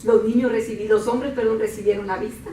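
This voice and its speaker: A woman preaching a sermon, moving from calm teaching to high, impassioned crying out. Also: fairly quick, slight background noise. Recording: echoey room from far off.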